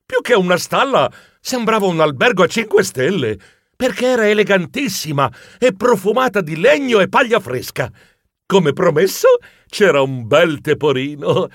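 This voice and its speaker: A man narrating a children's audiobook in an expressive, playful storytelling manner. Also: high-pitched, moderate pace, no room sound, clean studio sound.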